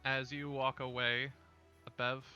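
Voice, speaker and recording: A man narrating as dungeon master, in a relaxed way with frequent fillers. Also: medium pitch, slow pace, highs cut off, soft background music. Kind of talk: narrating a tabletop game.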